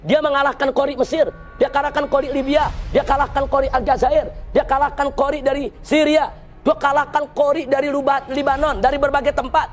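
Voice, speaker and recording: A man's voice: very high voice, level tone, fairly quick, soft background music. A man from preaching a sermon, impassioned and repeatedly addressing his listeners as brothers. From Jakarta, Indonesia.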